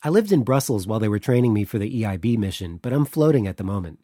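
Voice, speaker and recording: A man's voice: lowish voice, big pitch swings, quick pace, mellow, no echo, clean studio sound. A man voicing a young Estonian woman official who explains things earnestly and a little formally, with an Estonian accent. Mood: explaining.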